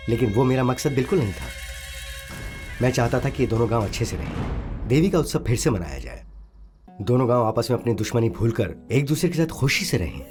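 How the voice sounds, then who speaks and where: A man playing an earnest, principled officer who reasons calmly at a middle pitch. Film score plays clearly behind him throughout. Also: natural voice. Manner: earnest, persuasive. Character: calm, principled young male officer. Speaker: officer, hero. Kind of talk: Hindi film dub.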